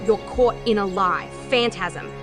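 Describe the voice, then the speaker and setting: Woman doing a phoenix bird spirit, calm, firm, protective, slow, music behind. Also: medium pitch, close to an everyday voice. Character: female phoenix bird spirit, loyal sorceress.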